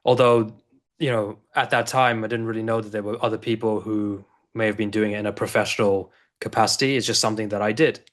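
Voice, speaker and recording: With a lowish, fairly flat voice, this man talks fast in casual interview conversation. He's a thirty-something coach from South Africa guesting on a show, and his story comes out rambling, full of restarts.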